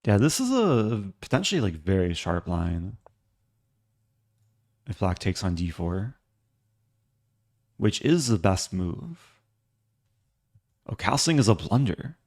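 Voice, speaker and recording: A man giving casual live commentary as a chess streamer, low-key and thinking aloud in short fragments. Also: big pitch swings, slow pace, long pauses, a little mellow.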